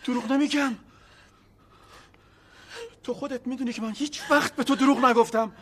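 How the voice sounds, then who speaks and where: A man's voice: extremely high pitch, steady tone, bright, forceful tone, heavily acted. An actor playing a father who pleads that he had nothing to do with his missing daughter, defensive and hurt in a television drama. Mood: pleading.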